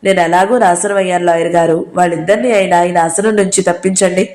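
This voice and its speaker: A woman's voice: on the low side, fairly even intonation, quick pace, darkish tone, lightly acted. A woman voicing a grieving young mother in a storybook reading, with an earnest, plain delivery.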